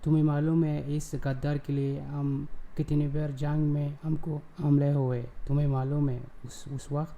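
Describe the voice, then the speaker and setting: A man hosting his own channel, recapping a TV drama episode in casual, halting speech with frequent fillers and self-corrections. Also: fairly high pitch, little pitch movement, gravelly, warm tone.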